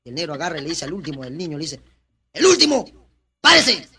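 A male comedian with a Peruvian accent telling jokes live, animated and slangy. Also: fairly high pitch, very fast. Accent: Peruvian Spanish. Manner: animated, slangy, laughing storyteller. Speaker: stand-up comedian.

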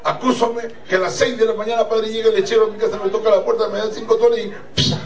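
A brazen young woman confesses in a high, breathy, coy voice, played by a male comedian. The voice sits very high. It is heard from afar in an echoey hall. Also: fairly even intonation, fast, distant mic.

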